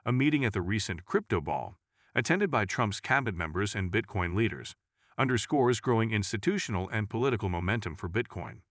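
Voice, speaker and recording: A man narrating scripted market news in an even, read-aloud delivery. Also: on the low side, fairly quick, no room sound, studio quality.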